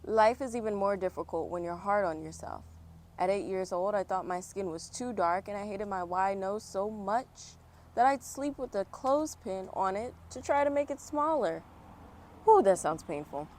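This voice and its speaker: Speaking at a moderate pace in a slightly mellow, medium-pitched voice, a woman reads a children's picture book and breaks off for friendly, encouraging remarks to young viewers. The recording was made outdoors in the fall, and passing cars and outdoor sounds fill the background.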